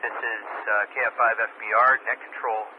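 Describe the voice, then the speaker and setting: A man reading weather bulletins as net control, heard over a two-way radio with static, steady and spelling out names with an occasional "uh.". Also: lowish voice, moderate pace. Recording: tinny radio transmission with static hiss.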